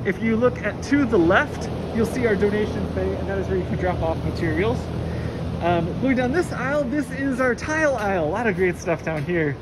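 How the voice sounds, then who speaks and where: A woman's voice: mid-range voice, expressive, brisk. A woman casually guiding a walking tour through a large warehouse, chatty and enthusiastic with many fillers. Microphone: handheld phone camera, walking. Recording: noisy warehouse ambience.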